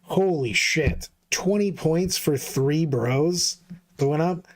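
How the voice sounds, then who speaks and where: A man co-hosting a casual tabletop wargame chat, animated and quick to laugh and exclaim. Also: fairly high pitch. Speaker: co-host of a tabletop wargame talk show.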